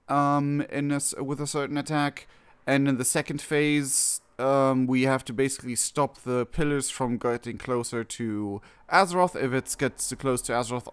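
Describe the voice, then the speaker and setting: A man with a clean, medium-pitched voice gives casual live reactions as a streamer watching game cutscenes. He rambles and frequently rephrases what he's just said.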